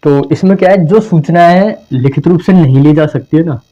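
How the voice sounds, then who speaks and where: A man's voice: fairly high pitch, moderate pace, warm tone. A man giving a conversational exam-prep lesson, repeating points and acting out phrasings to show meaning. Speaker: teacher. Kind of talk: explanatory lesson. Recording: dull lo-fi home recording.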